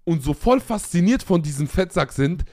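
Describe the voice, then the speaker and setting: Young man, slangy podcast banter, highish voice, very lively pitch. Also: moderate pace. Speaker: podcast co-host. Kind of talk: casual chat.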